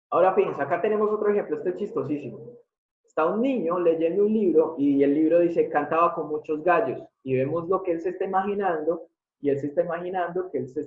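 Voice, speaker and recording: A man giving a live online lecture, explaining step by step and often putting questions to his audience. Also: fairly high pitch. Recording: tinny phone-like sound in an echoey room.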